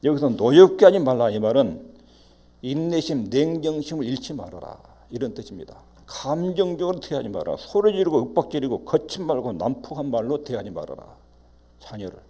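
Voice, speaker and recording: A man's voice: medium pitch, big pitch swings, fairly quick, dark tone. A middle-aged male pastor, preaching emphatically and acting out parents in quoted asides. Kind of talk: sermon.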